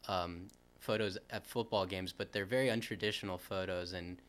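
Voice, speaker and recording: A man asking a question as the interviewer, heard quietly and from a distance. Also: low voice, steady tone, moderate pace.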